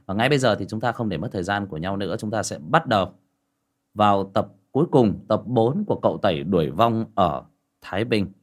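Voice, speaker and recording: Expressive male audio-story narrator. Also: fairly low pitch, a little fast. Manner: expressive, dramatic reading.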